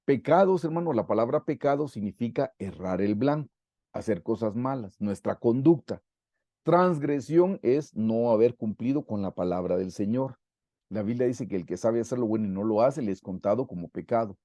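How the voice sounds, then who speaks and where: A man's voice: on the low side, normal speed, mellow, no echo. A man from Guatemala teaching a Bible study over a video call, speaking prayers aloud in an earnest way and addressing listeners as brothers.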